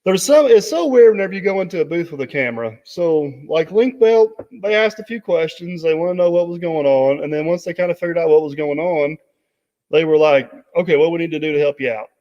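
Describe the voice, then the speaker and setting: A man's voice: on the high side, expressive, a little fast. Rambling man chatting on a live stream. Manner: rambling, reads out viewer comments with many fillers. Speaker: host. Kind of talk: casual live-stream chat. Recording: dull audio with long reverb.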